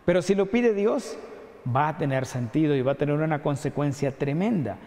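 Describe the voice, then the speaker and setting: A man with an Ecuadorian Spanish accent preaching a sermon as pastor, earnestly asking rhetorical questions and dropping his voice low on key points. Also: lively intonation, normal speed, warm tone. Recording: long hall reverb.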